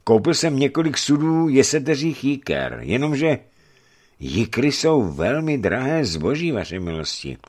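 A man's voice: medium pitch, sing-song, voice pushed up. A man reading an audiobook, voicing a timid, fawning merchant who bargains eagerly. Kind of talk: audiobook character voice.

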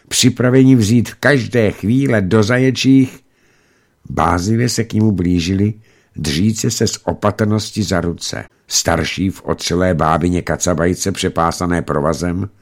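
A man reading a novel aloud as an audiobook narrator, in a measured, expressive way. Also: low-pitched.

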